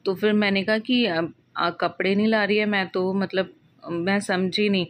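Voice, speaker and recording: A woman of mid pitch tells a personal story in a casual, conversational way. She wanders through the telling, often breaking off and restarting her sentences as she remembers details. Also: fairly even intonation, moderate pace, slight background noise. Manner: meandering, with frequent restarts and self-corrections. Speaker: devotee sharing a personal experience.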